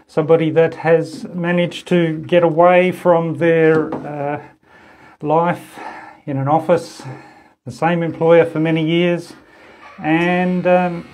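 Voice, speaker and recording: A man's voice: on the high side, little pitch movement, slow, a little mellow, slight background noise. A man hosting a casual live interview, talking with many hesitations and fillers. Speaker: host. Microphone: live stream.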